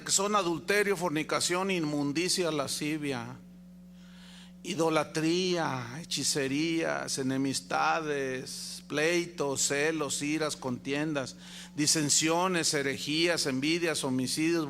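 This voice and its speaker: A man's voice: on the high side, sharp tone, slight background noise. A male pastor with a Mexican accent preaching a sermon, emphatic and full of rhetorical questions to the congregation. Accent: Mexican Spanish.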